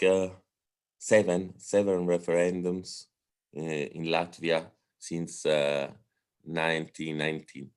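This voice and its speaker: A man with a strong Italian accent and a low, clean voice gives a lecture-style talk in English as a guest speaker on democracy. He sounds hesitant, with many fillers and restarts.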